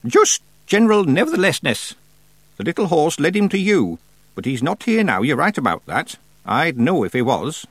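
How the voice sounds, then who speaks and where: A man voicing an old blind witch woman who gives sharp, imperious orders. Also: a little high, sing-song, normal speed, husky, dry recording, voice pushed up, full character voice. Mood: stern. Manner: imperious, snapping.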